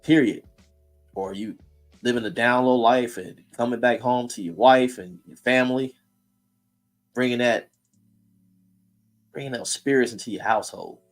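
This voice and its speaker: A man's voice: mid-range voice, moderate pace, pauses often, soft background music. A man hosting a casual streamed talk, blunt and preachy, in heated street slang. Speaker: host.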